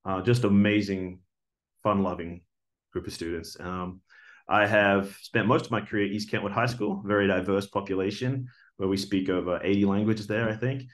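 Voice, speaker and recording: This indoor webcam clip features a forties-aged Australian man applying for a teaching position by video. His fairly low voice stays steady at a moderate pace as he earnestly presents himself, stumbling through plenty of fillers and restarts.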